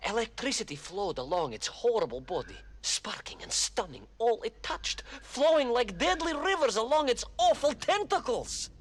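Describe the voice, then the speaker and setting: An actor playing a dramatic storyteller who narrates an adventure game in ornate, theatrical phrasing. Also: male voice, very high voice, very animated, measured pace, hardly any pauses, a little hiss or hum, exaggerated voice. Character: grand old male storyteller narrating a tale.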